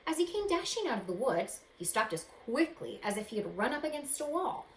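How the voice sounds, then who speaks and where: Her high voice swings widely in pitch as she reads a children's storybook to young listeners, teacher-style. She performs it dramatically, stopping to ask the kids questions. The recording has a roomy echo and faint background noise.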